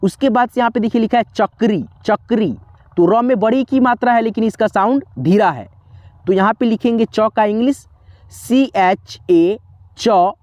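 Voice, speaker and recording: A man's voice: very high-pitched, fairly quick, darkish tone, no echo. A male teacher giving a spelling lesson, patiently spelling words out letter by letter and repeating each word.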